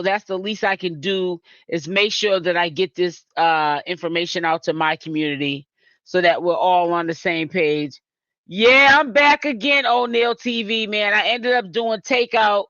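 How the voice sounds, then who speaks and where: A high-pitched man from Boston, Massachusetts, with a sharp tone, hosts a casual YouTube live-stream commentary and chats straight to his viewers. The audio is dull, with no room sound.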